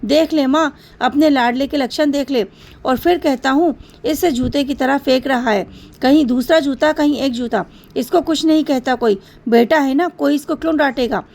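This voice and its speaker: A woman's voice: high voice, normal speed, gravelly, a little mellow. A woman voicing a bossy, clever little girl who scolds her brother in a spoken story. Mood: scolding. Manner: scolding, know-it-all.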